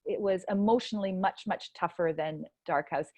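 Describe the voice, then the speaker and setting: A woman's voice: on the low side, normal speed, darkish tone, dry recording. A woman author talking casually and enthusiastically on a video call, rambling with restarts as she explains her novel. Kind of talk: casual virtual book launch talk.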